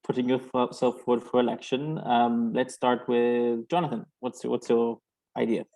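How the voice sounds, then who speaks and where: Gravelly-voiced man moderating casually. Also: mid-range voice, normal speed, rough recording. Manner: relaxed and joking. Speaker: meeting moderator. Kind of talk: casual chat. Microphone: video call microphone.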